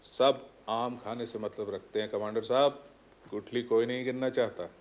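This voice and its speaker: An actor playing a polite hospital doctor who calmly explains why donors stay anonymous, in a TV serial. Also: male voice, mid-range voice, normal speed, slight background noise, close to an everyday voice. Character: calm hospital doctor, smooth and evasive. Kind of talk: TV serial acting.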